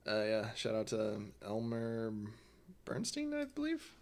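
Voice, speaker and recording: A man's voice: mid-range voice, huge pitch swings, unhurried. A man co-hosting a podcast, chatting casually about movies, joking and laughing often. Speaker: podcast co-host.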